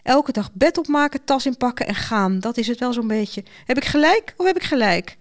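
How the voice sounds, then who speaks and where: A woman's voice: fairly high pitch, lively intonation, lightly acted. A woman voicing a worldly, matter-of-fact aunt who dispenses blunt advice in a storybook. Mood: brisk. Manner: dry, brisk, knowing.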